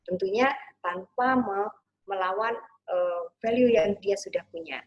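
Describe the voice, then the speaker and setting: A woman parenting coach giving a gentle online talk, sometimes acting out soothing words to a child. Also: mid-range voice, unhurried, muffled recording.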